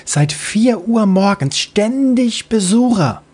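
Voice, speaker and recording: Comic audiobook: eager little girl freebie, stammers, high and husky, a man putting her on. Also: lively intonation, slow pace, darkish tone. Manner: childlike and stammering.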